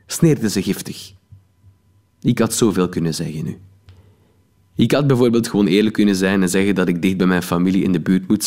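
A man's voice: deep voice, darkish tone. A man with a Flemish accent reading his own column aloud with wry irony. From Belgium. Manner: wry, ironic storytelling.

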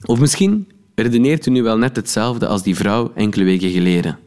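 A man's voice: on the low side, brisk, a little mellow. A man with a Flemish accent reading his own column aloud with wry irony. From Belgium. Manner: wry, ironic storytelling.

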